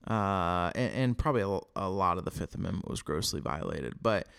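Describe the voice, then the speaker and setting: A man co-hosting a podcast, giving examples in casual chat with dry, teasing humor and fillers as he thinks out loud. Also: sits low, expressive, brisk, gravelly, smooth. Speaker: podcast co-host.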